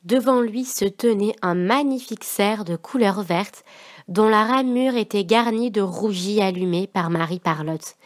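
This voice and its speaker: A woman's voice: medium pitch, unhurried, no echo. Woman reading a children's story aloud. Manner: expressive, lively reading.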